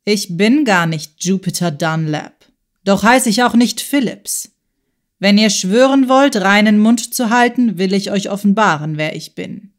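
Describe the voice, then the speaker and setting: A woman voicing a frightened, pleading male fugitive in a storybook reading, speaking in a hushed, secretive way. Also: medium pitch, unhurried, close to an everyday voice.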